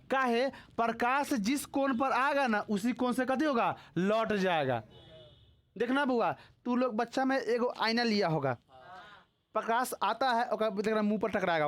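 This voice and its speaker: Teaching physics to a live class, a high-pitched man with a Bihari Hindi accent keeps quizzing his students with short, repeated questions to see if they've understood. He also scolds and teases them along the way.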